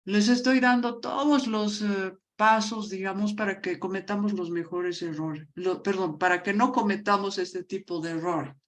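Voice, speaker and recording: A woman's voice: mid-range voice, fairly even intonation, moderate pace, hardly any pauses. A woman teacher from La Paz with a Bolivian accent, explaining a lesson and calling on students by name. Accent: Bolivian Spanish (La Paz).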